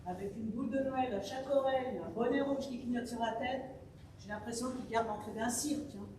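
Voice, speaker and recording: A performer playing a sarcastic, grumbling grown son with mocking quips, in an amateur stage play. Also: female voice, a little high, a little fast, natural voice. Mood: sardonic. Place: theatre stage. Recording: echoey hall from far off, loud noise.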